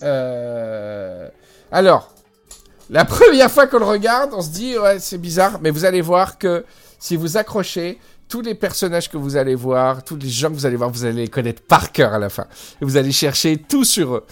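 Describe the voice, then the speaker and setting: Here the male co-host's voice sits a little high, with lively intonation and an ordinary pace. He's excited in this relaxed podcast conversation recorded via Skype, though he stumbles frequently and leans on fillers.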